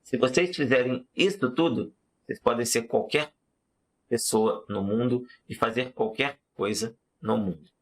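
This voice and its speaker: A man leads a live chess class, speaking at a mid pitch. He narrates a story in an animated way and then turns to his listeners with direct teaching tips. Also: a little slow.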